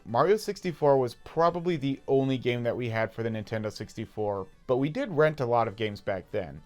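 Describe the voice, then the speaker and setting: A man's voice: medium pitch, darkish tone. A man in his thirties with an American accent, narrating personal gaming memories in a casual, conversational, nostalgic way. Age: 30s. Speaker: video game YouTuber. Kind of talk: casual personal storytelling voice-over.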